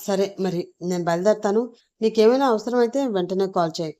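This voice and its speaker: Give me Anu, a reserved young man, voiced by a woman narrator in an audio story, speaking plainly in a soft, mellow tone that lifts a little above her own. It should sound like a storybook reading more than a full character voice. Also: sits high, a little fast, natural voice. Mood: calm. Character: young man, reserved, then hungover and angry.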